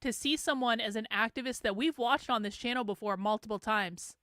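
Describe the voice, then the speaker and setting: Hosting a live stream, this middle-aged woman gives casual, blunt reactions to a documentary, swearing and sounding incredulous. She has a Vermont accent with a touch of Boston, and her fairly bright voice runs on the high side at a slightly quick pace. The audio is studio quality without echo.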